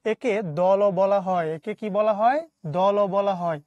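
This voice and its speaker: A woman teacher with a Bangladeshi Bengali accent teaches an online class. She asks her students a question, waits a beat, and answers it herself. Her voice sits at a middle pitch and sounds dry and close, with no room around it. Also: fairly even intonation, measured pace, no room sound, dull audio.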